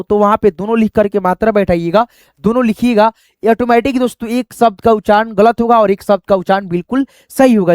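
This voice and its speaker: A man's voice: high-pitched, darkish tone, no echo, studio quality. A man teaching a reading lesson, patiently repeating each step and addressing viewers as friends. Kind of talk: explaining a spelling lesson.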